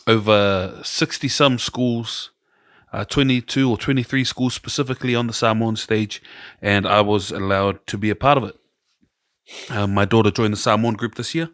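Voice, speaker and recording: A man's voice: lowish voice, fairly bright tone, no echo, clean studio sound. A middle-aged man with a New Zealand accent, hosting a casual podcast chat and telling long stories, acting out the voices of people he quotes. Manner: rambling storyteller, acts out quoted voices. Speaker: podcast host.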